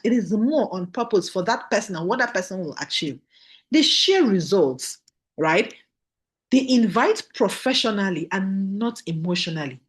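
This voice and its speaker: Lively Nigerian woman coaching a team. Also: mid-range voice. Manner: emphatic, repeats key phrases, asks listeners for agreement. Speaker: business trainer. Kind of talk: motivational training talk.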